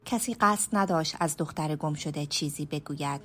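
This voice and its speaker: A woman storyteller narrating a first-person radio story in a hushed, measured way, sometimes dropping to a whisper. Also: deep voice, soft background music. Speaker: storyteller and writer.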